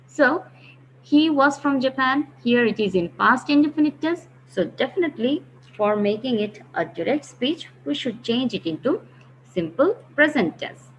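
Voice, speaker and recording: A woman walks students through a grammar lesson, patiently explaining and going back over key phrases. Her voice sits fairly high. The recording is muffled and lo-fi, with a faint hiss underneath. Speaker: English grammar teacher.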